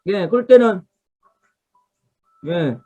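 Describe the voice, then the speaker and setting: A woman's voice: mid-range voice, expressive, very slow, warm tone, lo-fi sound. A woman pastor leading an online revival Bible study over a video call. She teaches from a study guide, tells listeners what to underline, and asks the congregation to respond.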